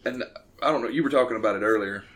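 A man's voice: medium pitch, very fast, a bit bright. A man, chatting on a podcast in a hesitant, rambling way as he searches for words. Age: 30s. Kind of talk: casual podcast chat.

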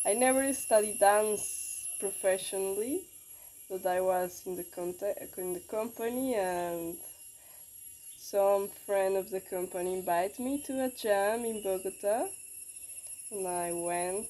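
A woman talks slowly and unhurriedly, her voice low and mellow. She pauses to search for her words as she answers questions. Faint outdoor hiss sits behind her. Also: poor audio. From Colombia. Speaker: interview guest, dancer. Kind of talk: casual interview answers. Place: outdoors in a forest.

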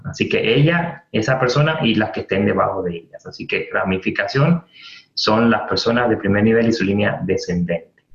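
A man leading a training webinar, explaining terms patiently with many fillers and restarts, repeating key points. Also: on the low side. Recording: roomy, dull lo-fi webinar audio.

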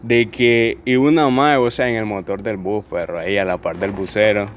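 A man's voice: on the low side, fairly even intonation, moderate pace. A young man with a Nicaraguan accent telling laid-back stories full of slang in crude casual chat.

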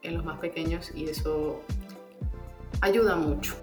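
A woman's voice: low-pitched, steady tone, a little slow, roomy sound, music in the background. A woman hosting a casual interview, talking hesitantly and searching for her words. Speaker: podcast host.

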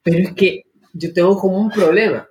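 A woman's voice: lowish voice, a little fast. A woman chatting casually, telling stories and acting out quotes. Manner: animated, acts out quotes. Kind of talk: casual chat, storytelling.

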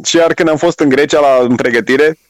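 A man's voice: fairly high pitch, no room sound, poor audio. Chatty man telling stories, dry sound. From Romania. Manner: anecdotal, chatty, laughs while telling stories. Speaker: guest, former world rowing champion. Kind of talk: casual radio interview chat.

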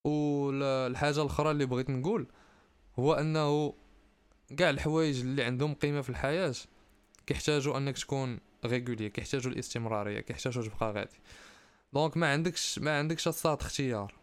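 A man's voice: mid-range voice, fairly even intonation, fast talker, smooth, dry recording. A young man with a Moroccan accent chats casually as a podcast host, giving emphatic, motivational advice and dropping in French and English phrases. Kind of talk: casual chat, answering listener questions.

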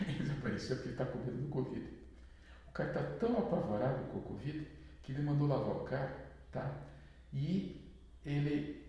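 A man's voice: a little high, mellow. A man with a Brazilian Portuguese accent, a therapist giving a casual spiritual talk in a chatty way, often tagging his sentences with little questions. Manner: chatty, frequent tag questions. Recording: very echoey room, voice from far off.

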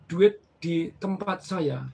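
A man telling stories from his banking career in casual conversation, animated and acting out the people in them. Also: on the high side, drawn-out words, gravelly, husky. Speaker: former bank branch manager.

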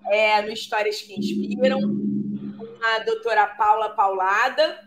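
A woman with a carioca accent from Rio hosts a casual live chat. Her voice sits slightly high. She talks informally and haltingly, addressing the viewers directly. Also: fairly even intonation, crowd noise, rough recording. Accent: Rio de Janeiro (carioca). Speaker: live-stream interview host. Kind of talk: casual chat, introducing a guest.

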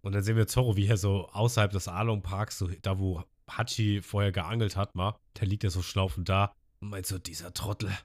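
Low-voiced man animatedly recapping an episode. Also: fairly quick, few pauses. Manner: animated retelling, acting out characters, laughs a lot. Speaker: podcast host.

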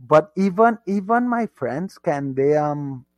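A man's voice: on the high side, lively intonation, takes it slowly, a little mellow. A man from Trinidad and Tobago, a guest in an interview, talking reflectively about growing up. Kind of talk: conversational interview.

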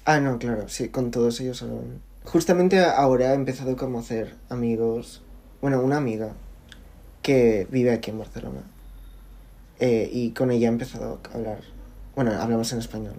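Young man, hesitant, halting, fillers and restarts, casual interview talk. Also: mid-range voice, fairly even intonation, mellow. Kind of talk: casual conversation. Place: lives in Barcelona.

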